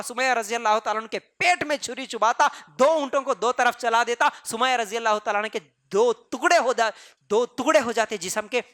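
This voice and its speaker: A man with a Deccani Urdu accent giving an animated religious storytelling lecture, quizzing listeners and repeating phrases for emphasis. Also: very high voice, dry recording. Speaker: preacher.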